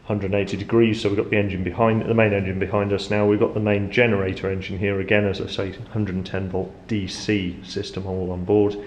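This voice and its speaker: Low, flat-voiced man giving an informal tour. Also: a little fast, hardly any pauses, muffled recording. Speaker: tour guide. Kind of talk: informal explanatory tour narration. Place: inside a ship's engine room. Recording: echoey metal room, background hum.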